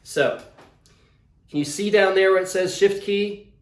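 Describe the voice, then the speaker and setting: The call has an echoey, roomy sound, and the man on it has a high-pitched voice and a measured pace. As a visiting author, he explains things to schoolchildren, keeping his tone casual and enthusiastic.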